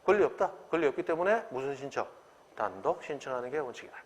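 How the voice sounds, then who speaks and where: A man's voice: medium pitch, fast talker, in a large hall. A middle-aged man, giving an exam-prep law lecture and asking the class rhetorical questions. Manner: animated, acts out quoted dialogue, rhetorical questions.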